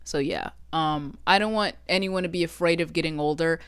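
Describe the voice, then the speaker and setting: A Texas woman in her twenties vlogs from her bedroom in a casual solo podcast chat, chatty, swearing often, and joking at her own expense. Her voice is deep and fairly quick, with a clean tone and clean, echo-free studio sound.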